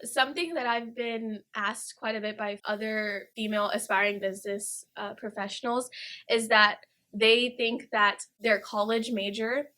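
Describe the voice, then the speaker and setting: A young woman with a fairly high voice hosts a podcast interview. She opens with a scripted introduction, then asks her guest questions and keeps the talk going with short encouraging replies. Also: fairly even intonation, measured pace, pushed and bright. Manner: brief encouraging backchannels. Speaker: podcast host.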